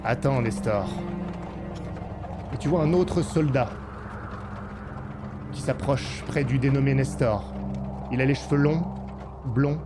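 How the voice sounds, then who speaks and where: Male game master, slow pace, dramatic deliberate narration, short suspenseful phrases, loud music and effects behind. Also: mid-range voice.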